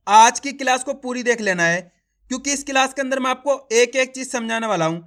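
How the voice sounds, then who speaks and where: A man's voice: extremely high pitch, pushed and bright. A man teaching a beginner reading lesson, calling viewers his friends and drilling syllables over and over.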